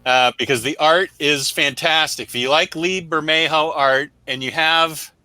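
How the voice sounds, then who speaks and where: Here the comic book review co-host keeps a steady tone and an unhurried pace, his voice still very bright, forceful, and a little high. He chats off the cuff, bluntly and emphatically, packed with opinions, in a dry, close recording with no echo.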